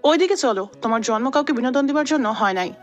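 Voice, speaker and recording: Teasing young boss, woman voice, slightly high, breezy, faint music. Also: animated, rapid-fire, dull audio. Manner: breezy, teasing, mixes in English words. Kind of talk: audio love-story drama.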